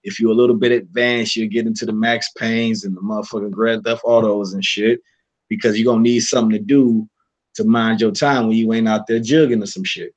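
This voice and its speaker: A man on a round table panel, talking loudly and emphatically with heavy profanity. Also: lowish voice, fairly even intonation, brisk, lo-fi sound. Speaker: panel guest. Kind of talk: casual round table chat.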